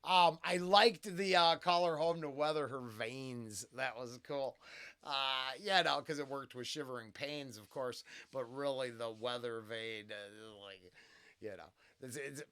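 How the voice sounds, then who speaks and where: A man's voice: mid-range voice, measured pace, pushed and bright, clean tone, no echo. A man hosting a casual first-listen music reaction, talking in a rambling, tangential way with lots of fillers and restarts.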